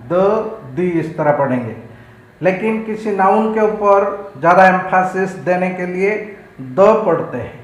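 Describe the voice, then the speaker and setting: A male school teacher giving an online English grammar lesson, explaining slowly in a mix of English and Hindi and asking the class questions. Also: sits high, echoey room, lo-fi sound.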